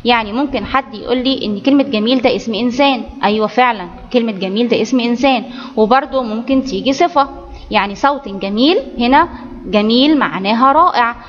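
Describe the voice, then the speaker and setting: This primary school Arabic teacher, a woman with an Egyptian accent, speaks fast in a fairly high voice. She walks children through Arabic grammar step by step in an online lesson and keeps checking that the class is following. The audio is dull, with a long reverb tail.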